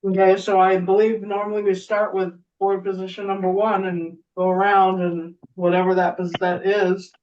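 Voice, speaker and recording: Woman chairing a public board meeting, halting with fillers, heard from across the room on a dull mic. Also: medium pitch, little pitch movement. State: throat lozenge in mouth. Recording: muffled distant room mic.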